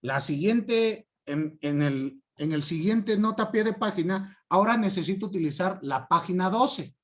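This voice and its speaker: Lively lecturer checking understanding. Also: male voice, high-pitched, normal speed. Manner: lively, stresses key words, checks understanding often. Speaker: law teacher. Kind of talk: lecture to students.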